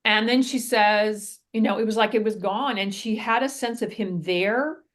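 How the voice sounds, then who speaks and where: A woman's voice: medium pitch, normal speed. Earnest woman therapist telling a story. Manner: earnest, vivid storytelling with quoted speech. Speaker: therapist and guest. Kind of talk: interview storytelling.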